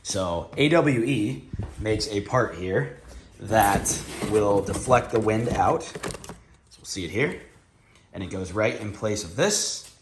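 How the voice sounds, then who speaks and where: In this casual how-to, a man talks slowly in a fairly low voice as he installs a car part, narrating each step in a relaxed, matter-of-fact way. He keeps a lollipop in his mouth for part of it, and the background is noisy.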